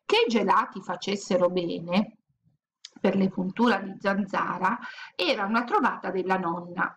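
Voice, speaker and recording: A woman narrating a children's story aloud in a calm, expressive storytelling manner. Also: mid-range voice, a little hiss or hum. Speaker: audiobook narrator.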